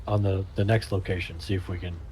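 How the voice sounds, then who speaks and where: A man's voice: low-pitched, fairly even intonation, fast talker, darkish tone, a little hiss or hum. A man playing a tabletop game, chatting casually with joking, self-mocking remarks. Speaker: player.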